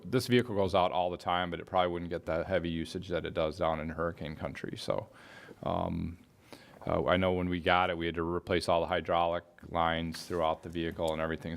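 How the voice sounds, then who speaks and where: A man with a very low voice answers questions as a municipal official. He explains things informally and haltingly, feeling his way through his phrases. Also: little pitch movement, gravelly.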